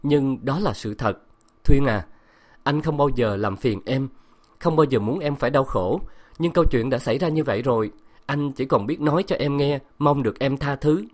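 A man reading the lines of a remorseful middle-aged husband, soft and earnest. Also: mid-range voice, lively intonation, moderate pace, lightly acted. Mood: pleading.

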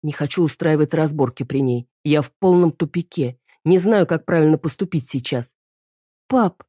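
Woman reading an audiobook, low mellow voice, dry close mic. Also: normal speed, slightly rough, dry recording. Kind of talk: audiobook narration.

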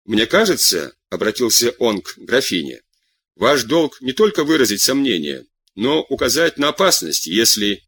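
A man's voice: mid-range voice, big pitch swings, normal speed, a bit bright, husky, no room sound, studio quality. A man voicing a proud, jealous young count who presses his questions insistently.

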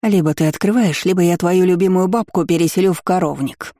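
Woman doing a cruel shouting aunt. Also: fairly low pitch, a little fast, no echo, studio quality, close to an everyday voice. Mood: threatening. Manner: shouting threats through a door. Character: cruel shrieking middle-aged aunt, bullying guardian.

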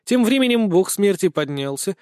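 A man narrating a fantasy audiobook in the first person with an even storytelling delivery. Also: high voice, normal speed, no echo, studio quality.

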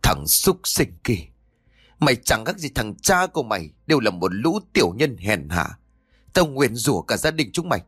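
A man's voice: medium pitch, very animated, normal speed, fairly bright tone, breathy edge, no echo, clean studio sound. A man voicing a furious older village father who curses harshly. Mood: cursing.

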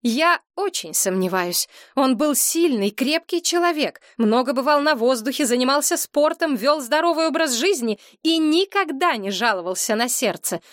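A woman's voice: high voice, expressive, normal speed, hardly any pauses, dry recording, clean studio sound, pitched above the performer's own voice. A woman voicing a grave, suspicious adult daughter who speaks grimly and questions pointedly in an audiobook. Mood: probing. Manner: grim and probing. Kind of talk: audiobook character reading.

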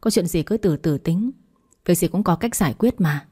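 A woman voicing an earnest young woman who urgently pleads with a stranger, in a low, mellow voice. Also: lively intonation, moderate pace, breathy edge. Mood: pleading.

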